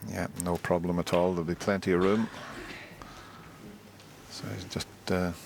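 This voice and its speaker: A man giving live snooker commentary in a hushed, understated way. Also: sits low, level tone, normal speed, vocal fry. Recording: noisy live arena broadcast. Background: audience and clicking balls.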